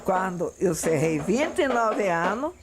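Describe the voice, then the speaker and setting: A woman's voice: medium pitch, sing-song, slow pace. A woman interviewed in a documentary, telling a personal memory and quoting what others said. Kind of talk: storytelling interview.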